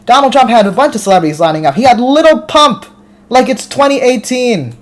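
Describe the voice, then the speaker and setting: With a very high-pitched voice, animated and a little fast, an American livestream host reads out chat comments. He responds to viewers in a casual way and frequently restarts what he's saying.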